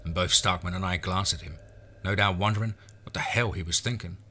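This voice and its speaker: A man's voice: sits low, steady tone, brisk, pushed and bright. A man narrating a scripted horror western in the first person, as a storyteller.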